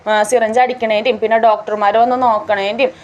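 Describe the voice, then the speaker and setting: Fast-talking woman from Kerala. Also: fairly high pitch, little pitch movement. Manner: chatty, tells the story step by step. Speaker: family vlogger. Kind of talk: casual voice-over narration.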